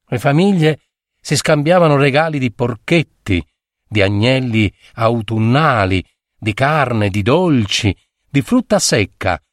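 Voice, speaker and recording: A man narrating a literary short story in a measured, expressive reading on a close mic. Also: mid-range voice, no echo. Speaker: audiobook narrator.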